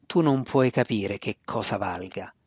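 A man reading an audiobook, voicing a stern, proud dark elf high priestess who speaks with cold, scornful authority. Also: a little slow, breathy edge, no echo, dull audio. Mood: commanding.

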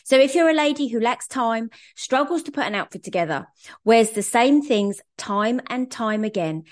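A woman hosting a podcast interview, enthusiastic and upbeat, from the UK. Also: a little high. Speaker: podcast host.

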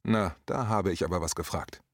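Low-voiced man reading an emphatic commentary. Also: moderate pace, no echo, studio quality. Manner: emphatic and polemical, with ironic storytelling. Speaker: commentator reading his own text. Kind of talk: scripted spoken commentary.

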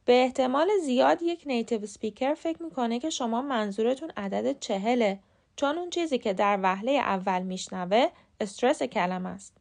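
A woman with a Persian accent, hosting a podcast and giving a scripted English lesson with clear, careful enunciation of example words. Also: fairly high pitch, a little mellow. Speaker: podcast host and English teacher.

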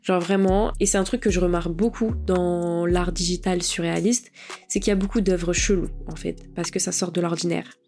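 A woman's voice: lowish voice, fairly even intonation, normal speed, darkish tone, faint music behind. A woman hosting a podcast, talking casually and with slang about digital art. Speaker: podcast host.

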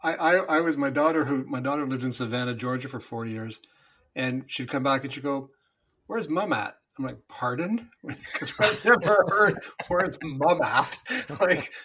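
A man's voice: medium pitch, normal speed, pushed and bright, a little hiss or hum. A middle-aged man co-hosting a podcast, chatty and chuckling. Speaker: co-host.

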